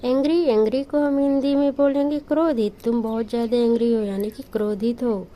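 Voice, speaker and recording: High, mellow-voiced woman drilling vocabulary. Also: fairly even intonation, rough recording. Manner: slow, repetitive word-by-word drilling with example sentences. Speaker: English vocabulary teacher. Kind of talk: vocabulary lesson.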